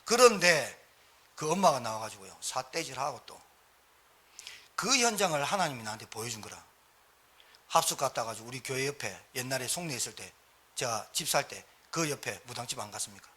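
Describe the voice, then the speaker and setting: Middle-aged male pastor, lively sermon storyteller; very animated pitch, husky edge. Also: a little fast. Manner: animated storytelling, acting out scenes, swings between loud and hushed.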